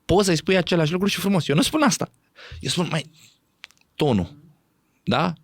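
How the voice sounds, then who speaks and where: Gravelly guy on a podcast, voice jumps all over, dry close sound. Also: on the high side, no echo. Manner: animated, acts out quoted speech, laughs often. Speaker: podcast guest. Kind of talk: conversational podcast talk.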